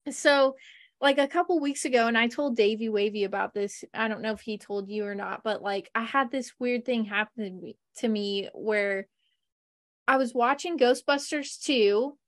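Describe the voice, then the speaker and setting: A woman with a fairly high voice hosts a podcast, chatting and telling stories with plenty of fillers and laughs. The sound is dry and close. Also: moderate pace, dry recording. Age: adult with a husband. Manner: chatty storyteller, laughs often, lots of "like". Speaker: podcast host. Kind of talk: casual chat about movies.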